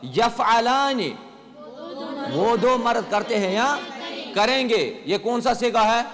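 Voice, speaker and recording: A man's voice: very high voice, animated, fairly bright tone, some chatter behind. A male grammar teacher quizzing his class, asking questions, repeating their answers and praising them. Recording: classroom recording with long reverb.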